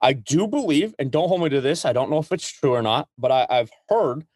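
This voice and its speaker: Male podcast co-host, casual and enthusiastic, playful asides, mid-pitched voice, close dry sound. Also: expressive, brisk, a little mellow, breathy edge, dry recording.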